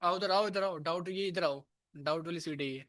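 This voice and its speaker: High-pitched man teaching a coding class in a room, casual and teasing with students. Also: moderate pace, fairly bright tone. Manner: casual, scolds and coaxes students. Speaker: programming teacher. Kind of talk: live classroom lecture.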